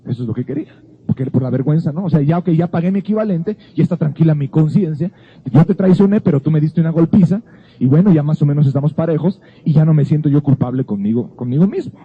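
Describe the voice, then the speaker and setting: A man's voice: on the high side, quick pace, husky. A man giving an earnest Bible teaching, telling a personal story in a conversational way. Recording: phone-like narrow sound.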